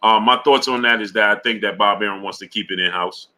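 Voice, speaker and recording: Hosting a laid-back boxing stream, this man speaks fast in a bright, forceful voice that sits on the low side. He calls out viewers in chat by name and checks in with them often, stumbling over fillers and restarts as he thinks aloud.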